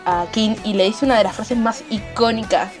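A woman with an Argentine accent excitedly retelling and commenting on a series episode, acting out lines and gunshot sounds. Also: medium pitch, normal speed, over music. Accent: Argentine Spanish. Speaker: series reviewer. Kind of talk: casual recap and commentary.

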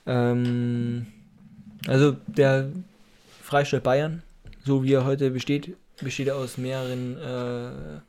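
A man's voice: mid-range voice, level tone, takes it slowly, darkish tone, clean tone. A man casually explaining things on a podcast, hesitant with many fillers and a teasing edge. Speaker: podcast co-host explaining dialects.

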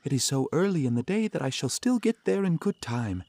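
A man's voice: sing-song, a little fast, creaky, dry recording, clean studio sound, exaggerated voice. A man voicing a trusting, innocent young girl in a storybook reading, in a raised, eager voice. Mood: cheerful. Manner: high, bright and eager.

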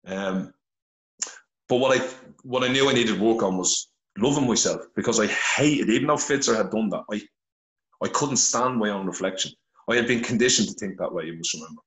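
He's a middle-aged man from Ireland, blunt, earnest and full of swearing, sharing his story conversationally as a podcast guest on a phone held to his face. His lowish voice is brisk and fairly bright, and the reverberant audio is poor.

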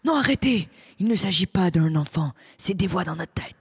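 A player with a Quebec French accent, taking part in a tabletop game in a playful, excitable way. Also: mid-range voice, moderate pace, slightly rough, no echo, clean studio sound.

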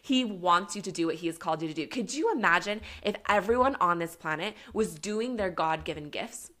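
A woman's voice: lowish voice, lively intonation, brisk, pushed and bright. A woman coaching people on business and faith in an earnest, encouraging talk, peppered with "like" and little acted-out quotes. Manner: earnest, encouraging, filler-heavy with frequent "like"; acts out little quoted voices for herself and God. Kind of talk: faith-based motivational talk.

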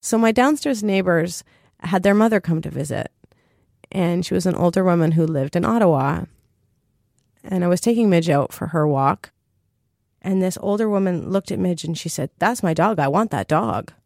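A woman's voice: on the low side, normal speed, gravelly, a little mellow, no echo, studio quality. Earnest woman telling a personal story. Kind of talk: personal story told to an audience.

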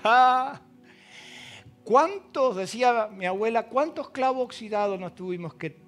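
A middle-aged pastor with an Argentine accent delivers a sermon in a very high, bright voice. He tells stories and acts out the quoted lines, dropping into hushed asides between loud, emphatic lines. Faint music plays underneath. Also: expressive, a little slow. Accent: Argentine Spanish. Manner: storytelling, acting out quoted dialogue. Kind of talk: sermon with told anecdotes.

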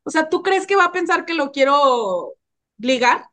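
Playful high-voiced Mexican woman. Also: lively intonation, normal speed, sharp tone. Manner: playful, candid, laughs often, acts out sultry voices. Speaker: guest, erotic fiction author. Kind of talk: casual podcast conversation.

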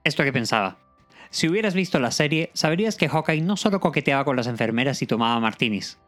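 A man's voice: mid-range voice, fast, faint music behind. A man casually and playfully retelling a comedy episode and laughing along. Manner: animated, playful, laughs often. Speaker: episode recapper.

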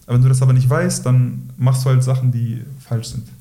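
A man's voice: mid-range voice, little pitch movement, fairly quick, dark tone. A man who works as a weight-loss coach, talking directly and instructively in a casual podcast conversation, often closing his points with a short "so". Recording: roomy echo.

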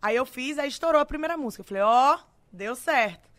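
Bright, high-voiced Brazilian woman. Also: fairly quick, no echo. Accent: Brazilian Portuguese. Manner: animated, slangy storytelling with frequent laughs. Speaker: singer guest. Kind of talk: casual podcast chat.

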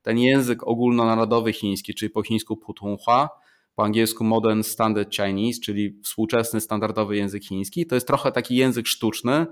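A man's voice: lowish voice, steady tone. Polish man explaining as a professor. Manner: measured, explaining with examples, frequent fillers and restarts. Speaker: professor of Chinese, interview guest. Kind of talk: explanatory interview talk.

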